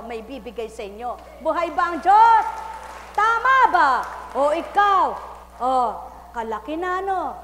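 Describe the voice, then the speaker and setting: High-voiced woman preaching in an echoey hall. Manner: call-and-response preaching, repeated rhetorical questions; bursts of rising, loud exclamation. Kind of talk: sermon. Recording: echoey hall with faint hum.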